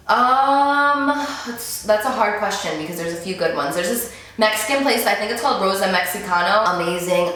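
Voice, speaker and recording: In her twenties, a beauty vlogger talks casually to camera and answers questions from viewers, her mid-range voice slightly bright. She's chatty and gushing, full of "like"s and "um"s, and the room gives off a very heavy echo.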